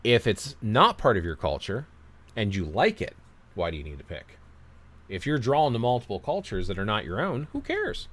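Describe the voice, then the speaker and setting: Low-voiced rambling livestream host. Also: male voice, huge pitch swings, normal speed, a bit bright. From United States. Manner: rambling, opinionated, self-deprecating. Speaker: livestream host reading chat comments. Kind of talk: casual livestream chat.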